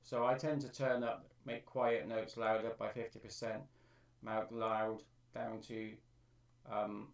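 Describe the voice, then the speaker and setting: Gravelly low-voiced man streaming a tutorial. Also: level tone, slow pace, echoey room, far from the mic. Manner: thinks aloud while explaining his edits. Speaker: streamer and amateur music producer. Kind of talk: live-stream tutorial talk.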